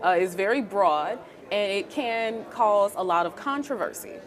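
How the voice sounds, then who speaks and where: At a book fair, a woman hosts a TV interview, encouraging her guest while repeating and rephrasing her questions and often saying "really?" and "wow". Her mid-range voice is animated and moves at normal speed.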